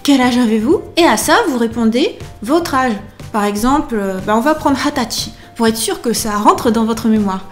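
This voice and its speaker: A woman giving an online language lesson, upbeat and chatty, slowly and carefully repeating examples. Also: a little high, expressive, soft background music. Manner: slow, careful repetition of examples. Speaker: language teacher.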